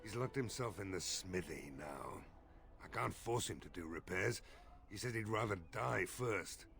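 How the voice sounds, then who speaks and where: A gravelly, weary village mayor. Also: male voice, on the low side, animated, measured pace, a bit bright, faint music behind, heavily acted. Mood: weary urgent. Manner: blunt, weary and pleading. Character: worried male village mayor, middle-aged, blunt.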